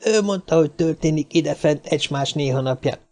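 A man's voice: darkish tone, close to an everyday voice. A man voicing a small, nervous, cigar-smoking man who puts on a cheeky front and stammers when frightened, in an audiobook reading. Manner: stammering when scared, high and quick.

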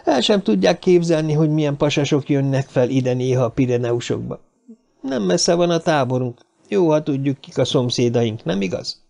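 A man's voice: vocal fry, dark tone. A man doing a cheeky little stammering man. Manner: stammering when scared, high and quick. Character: small nervous cigar-smoking man, cheeky.

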